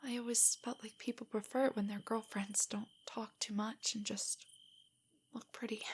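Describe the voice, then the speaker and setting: Voicing a nerdy young girlfriend for an intimate audio drama, a woman speaks in a fairly high, breathy voice that frequently slips toward a whisper. Nervous, self-doubting yet affectionate, she hesitates and stammers at a normal speed with a steady tone, her mood insecure and subdued.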